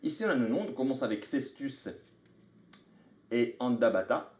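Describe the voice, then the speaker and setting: A man's voice: mid-range voice, normal speed, a little mellow. A man hosting a live stream, casually explaining board game rules while thinking aloud and greeting viewers. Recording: echoey room.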